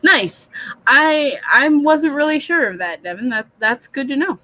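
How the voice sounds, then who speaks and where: A woman hosting a late-night writing livestream from a home computer, chatting in a low, soothing voice, rambling and self-deprecating as she reads out the chat. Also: expressive, a little slow, dry recording, low-quality recording. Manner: speaks low and soft, said to sound soothing. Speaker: livestream host of a writing session. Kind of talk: casual live-stream chat. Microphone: computer webcam mic.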